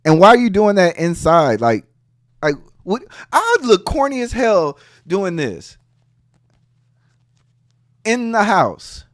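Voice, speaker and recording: A man's voice: high voice, wildly swooping pitch, slow pace, long pauses, dry recording, studio quality. A man hosting a podcast, giving heated casual commentary in a profane, mocking way. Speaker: podcast host.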